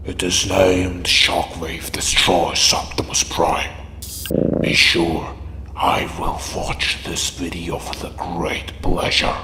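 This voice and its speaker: A man voicing a cold, scheming male robot villain in a breathy, whispery voice, speaking slowly with a gloating, menacing manner. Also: low-pitched, little pitch movement, pushed and bright, reverberant, big-room sound, slight background noise, heavily acted, low-quality recording.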